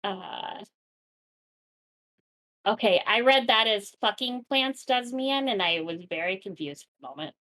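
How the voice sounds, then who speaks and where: A woman's voice: mid-range voice, lively intonation, a little slow, pauses often, bright, forceful tone, poor audio. A woman co-hosting a casual podcast chat, laughing often and swearing freely. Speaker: podcast co-host.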